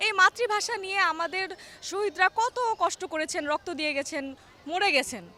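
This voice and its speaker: A woman speaks in a casual street interview outdoors. Her voice is very high and bright, sharp at the edges, and she talks loosely and colloquially. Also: fairly quick.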